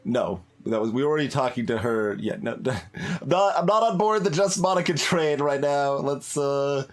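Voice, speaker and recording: A mid-range male voice with lively intonation and a moderate pace belongs to a let's play host. He thinks aloud hesitantly about the game, sometimes not finishing his thoughts, as game music plays.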